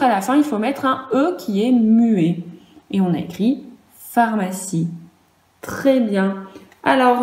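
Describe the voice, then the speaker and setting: In an echoey room, a woman with a mid-range, warm voice and a French accent leads a virtual class for young children. As their primary school teacher, she patiently spells out sounds and syllables.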